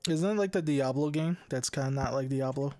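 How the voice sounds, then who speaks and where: A man's voice: mid-range voice, fairly quick, darkish tone, dry recording. A young man hosting a casual podcast chat, rambling with lots of restarts, swearing and laughing. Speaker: podcast host.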